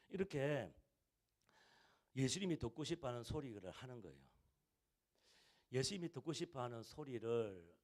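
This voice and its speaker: A man in the pulpit delivering a sermon, his voice sitting at an ordinary middle pitch. He leans on repeated phrases, pushing some lines loud and letting others drop to a near hush. The delivery is earnest and insistent. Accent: Korean. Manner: repetitive, emphatic preaching with rising and falling volume. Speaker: pastor. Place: church service hall.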